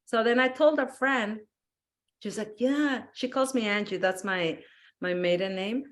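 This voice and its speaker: Animated woman telling a story. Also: a little high, a little slow. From Peru. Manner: animated storyteller, acts out quotes, laughs often. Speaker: guest, wellness business owner. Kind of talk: casual interview chat.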